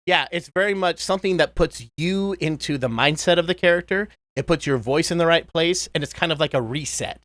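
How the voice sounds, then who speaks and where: In a casual interview, a voice impressionist in his thirties speaks animatedly, breaking into cartoon voices. His voice is a little high and brisk, with few pauses, on a dry recording.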